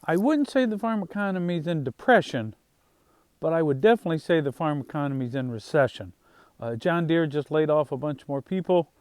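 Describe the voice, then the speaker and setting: A man speaks casually to camera as a farm vlogger, his voice sitting a bit higher than most men's. He rambles along at an easy pace, stopping and restarting his sentences with lots of "um"s. The sound is close and dry, with no room around it. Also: expressive, darkish tone, clean tone, no echo. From Northwest Indiana, USA. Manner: unhurried, halting, many fillers and restarts.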